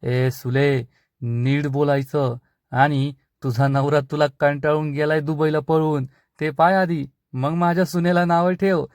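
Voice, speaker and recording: A man's voice: a little high, little pitch movement, a little slow, a little mellow, clean tone, no echo, studio quality. A man voicing an angry old village patriarch in a serial recap. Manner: angry, threatening.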